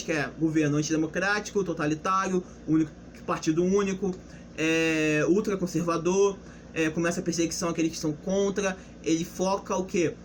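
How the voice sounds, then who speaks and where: Slight background noise accompanies a high-pitched young man presenting history off the cuff. His explanations are loose and casual, with frequent restarts and rhetorical questions.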